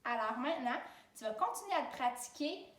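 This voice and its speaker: A woman with a Québécois French accent gives a children's spelling lesson in a fairly high voice. She is patient and takes things step by step, talking directly to the child. She sounds a little away from the mic, in a roomy space. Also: lively intonation, a little fast, fairly bright tone, distant mic. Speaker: teacher.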